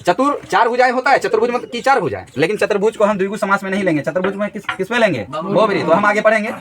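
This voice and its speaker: A man's voice: sits high, rapid-fire, a bit bright. A man teaching a grammar lesson in a classroom, repeating each question so the students answer together.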